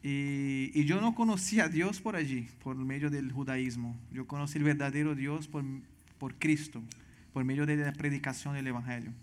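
A medium-pitched man from Venezuela, speaking with a Brazilian Portuguese accent, earnestly shares his personal testimony as a missionary guest in a church interview. He halts and restarts often.

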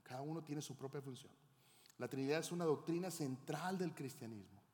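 Middle-aged guy preaching, kinda high voice, lots of echo in the church, keeps asking the crowd questions. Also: a little fast, a little mellow. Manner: teaching, asks the congregation questions. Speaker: pastor. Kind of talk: sermon. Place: church hall. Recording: long hall reverb.

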